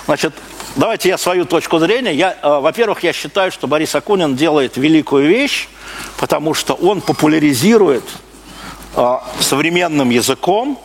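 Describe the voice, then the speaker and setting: Here a man from Russia gives a public talk in front of a live audience, his voice slightly high and expressive at a moderate pace. He presses his points with repeated phrases, rhetorical questions and sentences he cuts short. Noise is clearly audible throughout the recording.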